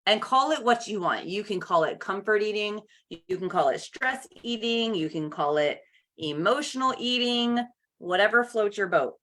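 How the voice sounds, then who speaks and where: A woman's voice: mid-range voice, expressive, normal speed, fairly bright tone. A woman hosting a live coaching call over video, chatty and upbeat, greeting viewers by name. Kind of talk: casual live coaching chat.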